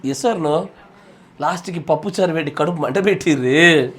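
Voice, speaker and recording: A man's voice: a little high, normal speed, fairly bright tone. A man with a Telangana Telugu accent, a pastor giving a sermon at a home Bible study. He jokes and keeps asking the room "yes or no?". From Telangana, India. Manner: jokey, asks the room "yes or no?" again and again. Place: home gathering.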